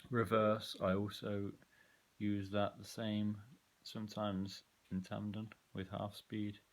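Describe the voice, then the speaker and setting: A man's voice: fairly low pitch, flat delivery, takes it slowly. A man casually walking through his effects pedals, rambling with frequent ums and blunt opinions. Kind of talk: casual gear walkthrough.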